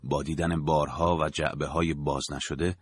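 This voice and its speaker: A man narrating an audiobook in a measured, dramatic storytelling manner. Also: rumbling low, fairly even intonation.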